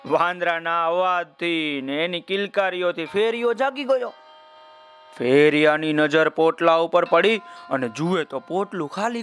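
Slow, high-voiced male children's storyteller. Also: smooth. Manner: warm, addresses young listeners directly by name.

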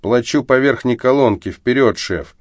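A man's voice: mid-range voice, normal speed, no room sound, clean studio sound, pitched above the performer's own voice, lightly acted. A man voicing a sober friend who speaks plainly and soothingly, sometimes barking orders. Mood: brisk. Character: steady sober male friend, calming and firm.

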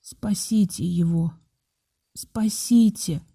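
A woman's voice: fairly low pitch, slow pace, gravelly, mellow, husky, no room sound, studio quality, exaggerated voice. A woman voicing a young woman in labor, exhausted and in pain, in a faint pleading whisper.

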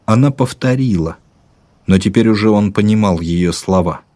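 A man narrating an audiobook in a measured, vivid, rhythmic way. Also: on the low side, dark tone.

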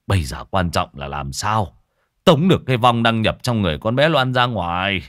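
A man's voice: on the low side, big pitch swings, normal speed, a bit bright, no echo, studio quality. A man voicing a worried villager speaking urgently in a raised voice.

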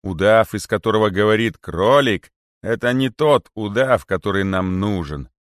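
A man voicing a haughty, menacing python king who rules the boas, speaking slowly with a stern hiss in a storybook reading. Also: lowish voice, dry recording, studio quality, natural voice. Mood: stern command. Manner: slow, hissing, stern delivery.

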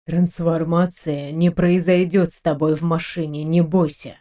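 A woman voicing a tender, steady male army captain in an audiobook, speaking quietly and firmly. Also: sits low, measured pace, voice pushed down. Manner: quiet and firm. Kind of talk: audiobook narration.

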